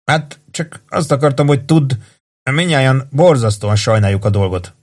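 A man reading an audiobook voices a young male staff sergeant who speaks in a halting, agitated way. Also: mid-range voice, expressive, voice pushed up, close to an everyday voice. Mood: shaken.

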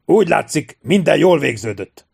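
A man voicing a cheeky old male pirate captain who calls out loudly, in an audiobook reading. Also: medium pitch, gravelly, husky. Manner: loud hearty calls, raised voice.

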